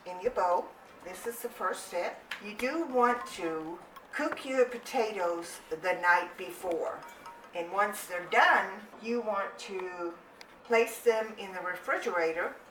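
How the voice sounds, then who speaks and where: In her home kitchen, an older German woman from Rhineland-Palatinate explains a family recipe one step at a time for her cooking channel, keeping it casual, chatty, and homey. Her voice is mid-range and a bit bright. The audio has a little hiss or hum, with echoey room sound and her voice coming from a distance.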